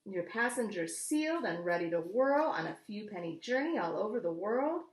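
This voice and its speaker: In a medium-pitched voice, a woman reads a picture book like a teacher, deliberate and expressive, offering easy explanations for children. The audio quality is poor, with a roomy sound.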